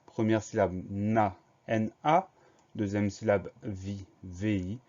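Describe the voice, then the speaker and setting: A man's voice: fairly low pitch, fairly even intonation, takes it slowly, darkish tone, muffled recording. A man teaching a spelling lesson to primary pupils, methodically spelling each word out letter by letter.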